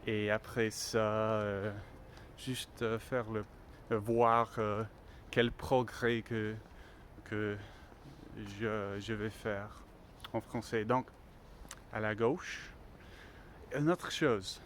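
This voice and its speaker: A native English speaker vlogs on a phone while walking down a street, speaking slow, hesitant learner French full of fillers and restarts. His voice is lowish with fairly even intonation, and faint street noise with passing vehicles sits in the background.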